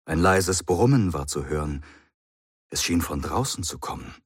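A man reading a story aloud in measured, expressive narration. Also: extremely low pitch, slightly rough, no room sound, clean studio sound. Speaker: audiobook reader.

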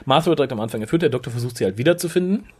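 A man's voice: mid-range voice, very fast, husky. A man co-hosting a casual chat, reviewing a TV episode and joking as he goes. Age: adult, recalls being twelve long ago. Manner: joking, animated, quotes scenes in put-on voices. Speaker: podcast co-host.

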